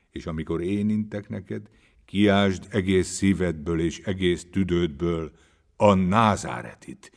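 A man reads the part of a calm spiritual master of a storybook tale, whose very low voice stays soft and unhurried. He speaks mildly, like a patient teacher leading his followers. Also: gravelly. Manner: soft, slow and mild.

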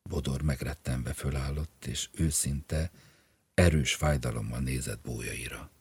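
A man narrating an audiobook in a measured, grave manner. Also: very deep voice, steady tone, creaky, darkish tone, breathy edge.

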